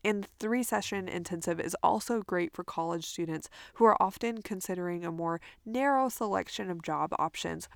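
A woman hosts her own podcast as a career coach, and her voice sits low with a gravelly, creaky edge. She talks earnestly and brightly, full of "um"s and restarts. The sound is close and dry, with no room echo. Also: normal speed, few pauses. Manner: earnest, upbeat, with frequent fillers and restarts. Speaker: podcast host. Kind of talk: casual solo podcast monologue.

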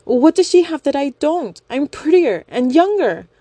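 A woman's voice: high voice, very animated, normal speed, dark tone, dry recording, voice pushed up. A woman voicing an obsessive young female fan in a story, whiny, pleading and jealous, stammering as she talks. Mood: desperate pleading.

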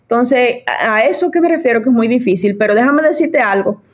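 Lady in her 30s sharing her testimony, fairly high voice, fast and passionate. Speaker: evangelist and guest. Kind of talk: casual testimony chat.

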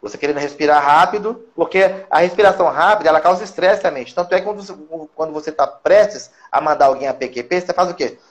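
A Brazilian man with a fairly high voice talks on a live stream as a psychoanalyst guest. He coaches listeners in an animated, practical way and often acts out little quoted lines. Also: fast, hardly any pauses. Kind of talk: casual live-stream interview.

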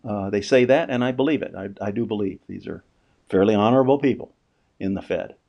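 A man with a fairly low, slightly fast voice and some vocal fry offers casual, unscripted economic commentary. The finance commentator poses rhetorical questions and often restarts his sentences. The audio sounds dull.

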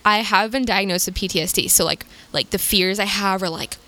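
Bright-voiced young woman chatting. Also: mid-range voice, fairly quick. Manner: chatty storyteller, frequent "like", giggly. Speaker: performer and podcast guest. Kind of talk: casual chat.

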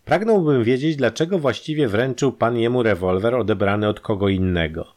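A man voicing a calm, dry, persistent police detective who questions with pointed emphasis. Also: mid-range voice, brisk, voice pushed up, natural voice. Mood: probing.

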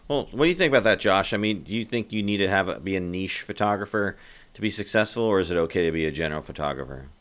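A man's voice: sits low, expressive, quick pace, a bit bright. A man hosting a podcast, upbeat as he puts questions to guests and wraps up the show. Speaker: podcast host.

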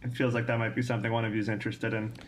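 A man, a comedian guest on a casual podcast, joking in quick bursts with restarts. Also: fairly low pitch, little pitch movement, faint music behind.

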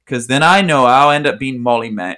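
A man's voice: mid-range voice, expressive, fairly quick, sharp tone. A man co-hosting a casual podcast, reading out listener submissions in an easygoing way and laughing often. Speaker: podcast co-host.

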